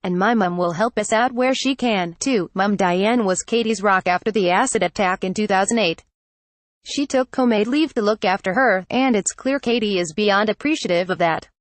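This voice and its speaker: A woman reading a news article aloud in a steady, even manner, web page clutter included. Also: mid-range voice, moderate pace, no echo. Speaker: article reader.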